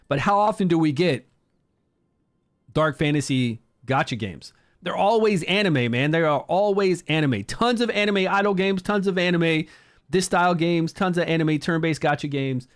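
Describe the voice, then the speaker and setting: Chatty upbeat male game streamer. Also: a little high. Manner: chatty, greets chat viewers by name. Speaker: game livestreamer. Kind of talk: casual livestream commentary.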